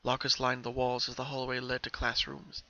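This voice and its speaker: The man narrates a scripted dramatic reading in a monotone at normal speed. His pitch is middling and his tone bright and forward, while the slightly dull audio suggests a home setup.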